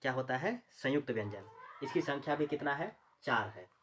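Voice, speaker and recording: In a mid-range, fairly bright voice with lively intonation and a brisk pace, a man with a Chhattisgarhi Hindi accent teaches Hindi phonetics for exams. He repeats terms and asks the viewer questions, then answers them. Slight background noise is audible.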